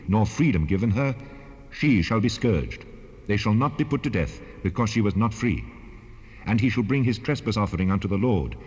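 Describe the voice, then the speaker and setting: An actor playing God as a solemn, commanding deity, handing down laws in a stately, declamatory dramatized scripture reading. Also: male voice, on the low side, darkish tone, slightly rough. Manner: solemn, stately, authoritative pronouncements. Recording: 1970s cassette rip, long reverb.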